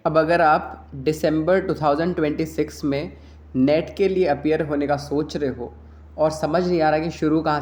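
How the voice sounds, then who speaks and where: A man's voice: on the high side, darkish tone. Earnest male tutor reciting sutras, echoey. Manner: chants Sanskrit sutras in a recitation cadence; urgent, coaxing teacher's tone. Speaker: yoga exam tutor. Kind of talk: exam answer-key lesson.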